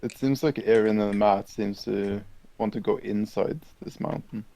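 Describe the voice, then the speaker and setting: A man chatting with his gaming group on voice chat, talking haltingly with restarts. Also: lowish voice, creaky, mellow, rough recording. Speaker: gamer in a group. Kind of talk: casual voice chat while gaming.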